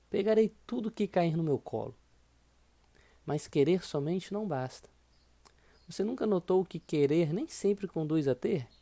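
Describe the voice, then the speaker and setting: Mellow-voiced man teaching motivationally. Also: fairly high pitch. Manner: emphatic, urging listeners to repeat affirmations aloud. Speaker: course instructor. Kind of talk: motivational lesson.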